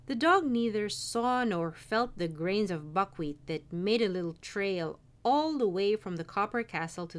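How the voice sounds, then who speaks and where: A woman reading a fairy tale aloud in an expressive, animated storytelling manner. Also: medium pitch.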